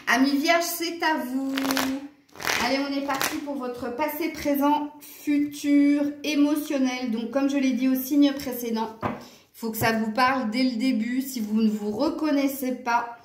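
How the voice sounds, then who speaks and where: A chatty woman with a southern French accent reads tarot cards for her viewers, giggling often and talking to them directly. Her voice sits a little high. The room around her gives it a clear echo. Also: steady tone, moderate pace, noisy background. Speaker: tarot card reader. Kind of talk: casual tarot reading for viewers.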